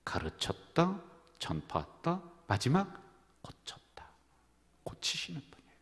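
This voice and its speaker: A man, the senior pastor, preaching a sermon full of jokes and stories, swinging from loud calls down to near whispers. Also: a little high, wildly swooping pitch, measured pace. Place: church sanctuary. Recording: church hall reverb.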